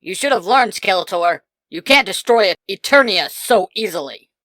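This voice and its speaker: A man's voice: high voice, animated, normal speed, bright, forceful tone, dry recording, pitched above the performer's own voice. A man voicing a steadfast, protective veteran warrior in an earnest, heroic manner for a story reading. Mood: defiant.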